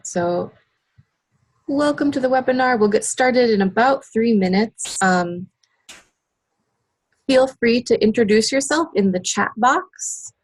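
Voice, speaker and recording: A woman's voice: on the high side, lively intonation, takes it slowly, long pauses, poor audio. A woman hosting an online webinar, chatting casually with attendees as they join and greeting them by name. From United States. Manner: friendly, chatty, reads out chat names. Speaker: webinar host. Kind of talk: casual chat before a webinar.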